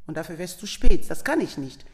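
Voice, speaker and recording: A woman's voice: lowish voice, fairly quick, big-room sound. A middle-aged woman from Leone, a guest telling a personal story with feeling and acting out the dialogue, speaking. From Sierra Leone. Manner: animated, acts out quoted dialogue.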